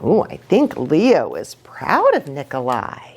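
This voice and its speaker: This woman, a pastor who reads children's storybooks, has a deep, darkish voice that swings hugely in pitch and moves slowly. She reads the story expressively, adding little asides for young listeners, with slight background noise present.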